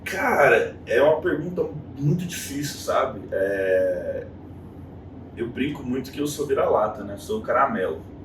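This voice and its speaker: A Brazilian man in his thirties with a Brazilian Portuguese accent chats casually as an interview guest, telling his story with animated, acted-out quotes. His voice is mid-range and his pace measured. The recording is noisy and echoey, with a distant mic.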